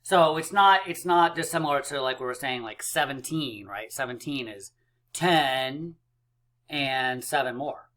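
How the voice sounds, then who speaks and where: Upbeat bright-voiced male math coach. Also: medium pitch, measured pace. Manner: upbeat, chatty, many fillers. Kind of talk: kids' math lesson.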